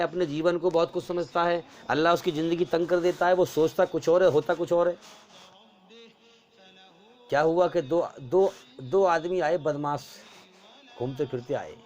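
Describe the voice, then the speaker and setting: A male preacher telling a moral story as a sermon, in animated narration that acts out the characters. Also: on the high side.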